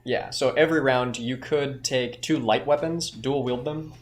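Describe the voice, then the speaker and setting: A tabletop game player calmly explaining the rules to the others in a matter-of-fact way. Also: medium pitch, unhurried. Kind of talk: casual chat in a tabletop game.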